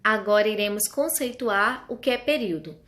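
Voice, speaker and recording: A woman from Brazil teaching a grammar lesson, explaining slowly and carefully to her students. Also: medium pitch, expressive, a bit bright.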